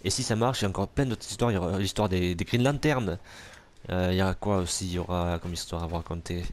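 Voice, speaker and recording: In this gameplay commentary, a man plays a superhero game, joking, cursing and sniping back at enemies on screen. His low-pitched voice holds a steady tone at a quick pace.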